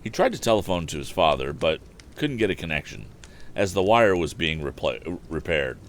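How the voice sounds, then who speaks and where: Reading aloud for his storytime livestream, a man with a low, sing-song voice keeps a moderate pace and breaks off for casual asides. The animated reading is captured by a streaming microphone over faint background noise.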